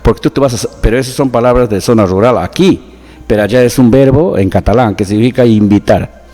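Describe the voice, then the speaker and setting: A man's voice: medium pitch, a little fast, dark tone. A man with a Peruvian Amazonian Spanish accent, patiently explaining things to an interviewer and backing his points with examples. His voice carries a long, reverberant echo, with faint music playing underneath. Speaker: guest, researcher.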